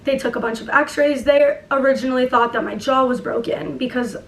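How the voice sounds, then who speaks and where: A young woman with a high voice talks in an echoey room, a little away from the microphone. She has a lisp and speaks through a barely opened jaw. Her storytelling is casual and confessional, peppered with swearing and filler "likes". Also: fairly even intonation, fairly quick, gravelly, recorded from a distance, slight background noise. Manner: emphatic, swearing, heavy use of "like". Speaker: vlogger.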